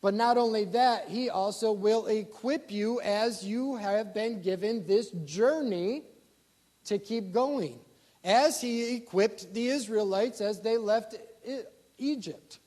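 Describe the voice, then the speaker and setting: High-voiced man preaching a sermon. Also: slow pace. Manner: preaching with rhetorical questions to the congregation; swings from loud emphasis down to quiet, low asides. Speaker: pastor.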